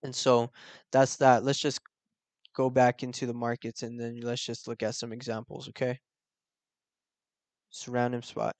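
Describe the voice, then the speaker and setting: A man's voice: mid-range voice, monotone, normal speed, pauses often, darkish tone, no room sound. A young man hosting a casual trading tutorial, explaining step by step with slangy asides and check-ins. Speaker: forex trading channel host.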